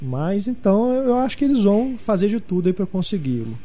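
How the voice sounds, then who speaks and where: Man, mellow, casual host chat, light music behind. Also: sits high, very animated, a little fast. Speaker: podcast host. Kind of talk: casual film news chat.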